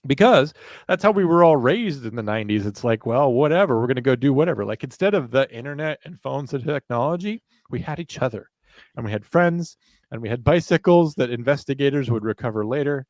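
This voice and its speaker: A man's voice: on the high side, a little mellow, no echo. A man in his thirties co-hosting a true crime podcast, talking in a sarcastic, rambling, self-mocking way. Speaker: podcast co-host. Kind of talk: casual podcast chat.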